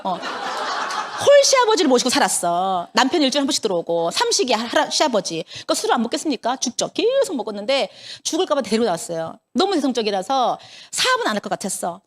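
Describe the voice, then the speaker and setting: A woman in her fifties giving a motivational talk as a business leader, telling stories and acting out the dialogue, with a Busan-area accent. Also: a little high. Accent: Korean, Busan area. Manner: animated storyteller acting out dialogue. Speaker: network marketing business leader.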